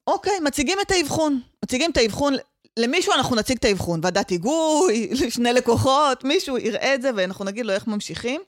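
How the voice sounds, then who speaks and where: A woman with an Israeli accent talks casually as a guest expert on training development and change management, slipping English professional terms into her explanations. Her voice is high and sing-song, recorded with studio quality and no room sound.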